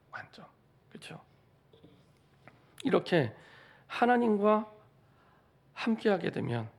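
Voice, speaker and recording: Gravelly-voiced man preaching a sermon. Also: a little high, a little mellow. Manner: rhetorical questions to the congregation; repetitive, building emphasis. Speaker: pastor. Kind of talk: Sunday sermon. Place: church sanctuary.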